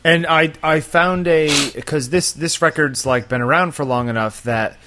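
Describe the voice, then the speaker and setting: A man's voice: on the high side, steady tone, normal speed, background noise. A middle-aged man co-hosting a podcast, rambling in loose casual chat and swearing offhandedly.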